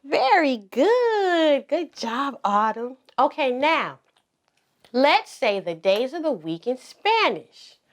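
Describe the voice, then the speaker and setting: A woman's voice: high voice, very animated, slow pace. A woman hosting a kids show, speaking in an encouraging sing-song way to small children, with simple, repeated phrases. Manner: enunciates simply with repetition. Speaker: children's circle time host. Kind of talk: kids show host, teaching preschoolers.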